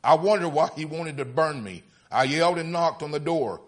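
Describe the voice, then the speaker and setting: A man's voice: on the high side, moderate pace, lightly acted. Brief: male preacher reading a pleading talking teacup, a storybook thing in pain, plainly narrated. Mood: distressed. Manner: storytelling read-aloud tone.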